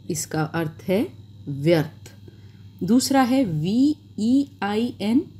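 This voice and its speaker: A woman with an Indian accent teaching English in Hindi, explaining slowly and spelling words out letter by letter. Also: medium pitch, dark tone. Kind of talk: online language lesson.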